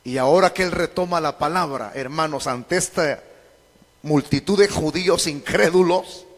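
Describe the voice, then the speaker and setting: A man preaching a sermon into a handheld microphone in a church hall, going from quiet explanation to shouted climaxes. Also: a little high, moderate pace.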